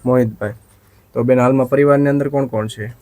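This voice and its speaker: A man from a charity gently asks questions and reassures the family he is visiting. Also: mid-range voice, fairly even intonation, quick pace, dry recording. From Gujarat. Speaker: charity worker interviewer. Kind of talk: interviewing.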